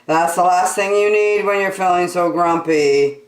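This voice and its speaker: Male animal neighbor in a storybook, candid, plain-spoken, slightly drawn-out, echoey room played by a woman. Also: lowish voice, far from the mic, natural voice. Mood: matter-of-fact.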